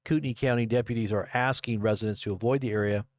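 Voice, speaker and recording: A man in his fifties giving casual live commentary and reading news reports aloud, halting and rambling as he goes. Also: fairly low pitch, steady tone, a little mellow, dry recording, studio quality. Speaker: livestream commentator. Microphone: close desk microphone.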